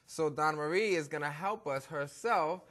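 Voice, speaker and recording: A man's voice: fairly high pitch, moderate pace, a bit bright. A man from Brooklyn hosting a cooking show in playful, joking banter with his guest. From Brooklyn, New York. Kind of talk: casual cooking show chat.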